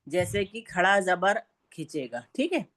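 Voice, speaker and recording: A woman with a Pakistani Urdu accent teaching Quran recitation in an online class, speaking slowly and patiently and stretching out sounds to demonstrate them. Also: on the low side, sing-song, a bit bright.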